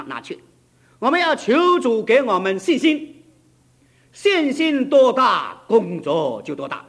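A man's voice: high voice, fairly bright tone. A middle-aged male pastor preaching a sermon, telling a story with emphatic, urgent build-ups.

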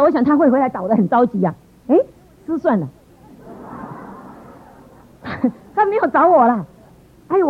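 A middle-aged woman giving a personal church testimony in a lively, exclamatory way with frequent laughter. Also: high-pitched, slightly rough. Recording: tinny phone-like sound.

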